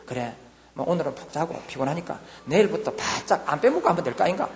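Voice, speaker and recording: A man in his sixties with a Gyeongsang accent, a church deacon giving a lively testimony and acting out voices of himself and his wife. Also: on the high side, quick pace, in a large hall. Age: 60s.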